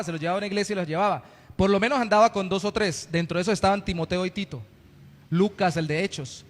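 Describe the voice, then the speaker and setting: A man's voice: sits high, big-room sound. A man from Colombia preaching a sermon in church, earnest and teaching, with playful asides. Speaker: pastor. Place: church hall.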